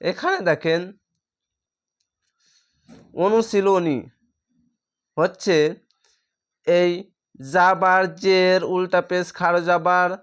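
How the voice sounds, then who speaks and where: Slow, patient male Quran teacher. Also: high-pitched, steady tone, a bit bright, smooth. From Bangladesh. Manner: patient, repeats letter drills aloud. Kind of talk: slow step-by-step lesson.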